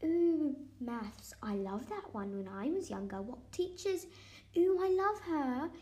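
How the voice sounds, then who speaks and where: A woman doing an impression of a cheery English teacher greeting her class, gushing and sing-song with drawn-out "ooh"s. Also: high voice, big pitch swings, warm tone, pitched above the performer's own voice, exaggerated voice. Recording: echoey room.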